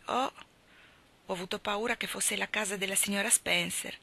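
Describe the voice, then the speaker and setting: A woman's voice: mid-range voice, steady tone, normal speed, gravelly, pushed and bright, slight background noise. A woman reading a novel aloud, voicing an imaginative, chatty orphan girl who gushes and sometimes drops to a whisper. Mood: downcast. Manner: breathless, gushing, sometimes whispering. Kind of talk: audiobook reading.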